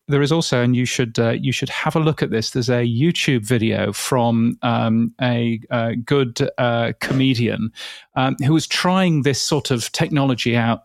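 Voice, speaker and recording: A British man co-hosting a podcast, talking things through in a relaxed chat with plenty of ums and restarts. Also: medium pitch, gravelly, dry recording, studio quality. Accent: British English. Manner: thoughtful, many fillers and restarts. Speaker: podcast co-host. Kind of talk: casual chat.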